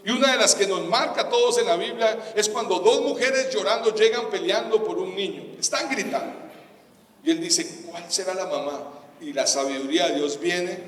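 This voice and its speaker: Animated pastor in an echoey hall. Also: male voice, high-pitched, normal speed. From Colombia. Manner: storytelling with acted-out dialogue, humorous asides. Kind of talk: sermon. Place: large church auditorium. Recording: echoey church hall, voice from a distance.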